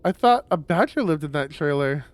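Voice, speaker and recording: A man streaming a visual novel, reading the story aloud in a lowered voice with loud reactions. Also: lively intonation, fairly quick, dry recording. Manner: reads narration in a lowered voice, reacts with loud exclaims. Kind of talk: reading a story game aloud with chatty asides.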